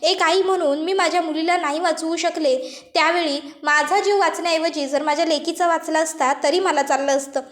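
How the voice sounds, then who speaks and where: A woman with a very high, steady voice speaks briskly, playing a grieving, distraught middle-aged mother mourning her lost daughter in a retold story. She laments and pleads, and the recording has a roomy echo.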